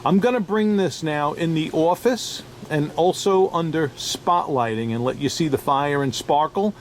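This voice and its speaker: A man's voice: on the high side, normal speed, a little hiss or hum. A man with a New York accent, a diamond dealer talking through a casual, unscripted review, chatty and chuckling often. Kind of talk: casual product review vlog.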